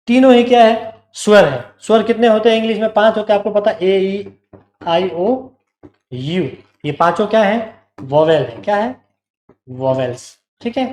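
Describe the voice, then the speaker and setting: A man's voice: high voice, a little mellow, roomy sound. A male teacher giving an online exam-prep grammar lesson, explaining step by step, repeating key words and asking the class questions.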